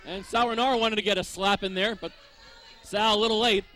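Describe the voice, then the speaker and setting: Male wrestling commentator, very high excited register, sharp forceful tone, wordy descriptive calls. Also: fairly quick. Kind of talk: live sports commentary.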